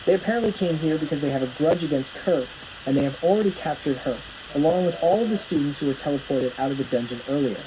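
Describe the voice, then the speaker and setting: A man's voice: a little high, lively intonation, fast, background noise. A man narrating a plot recap from a script, telling the story as it unfolds.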